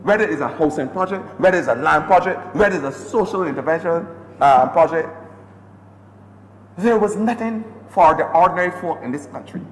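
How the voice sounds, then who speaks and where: A Barbadian member of parliament delivers a fiery, repetitive debate speech on the chamber floor, his raised voice expressive and brisk in impassioned oratory. The echoey chamber adds booming, long reverb and a faint hiss to the recording.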